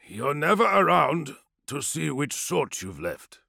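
A calm, wise male veteran warrior, gentle and reflective in tone, as a man reads him out. The recording is close and dry. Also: fairly high pitch, slow pace, creaky, dry recording, voice pushed up, full character voice.

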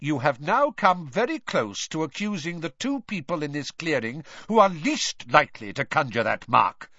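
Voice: mid-range voice, very animated, moderate pace, bright, forceful tone, dry recording, lo-fi sound, pitched above the performer's own voice, exaggerated voice. A narrator playing a stern, proud older male ministry official, coldly indignant, with a clipped, imperious bark.

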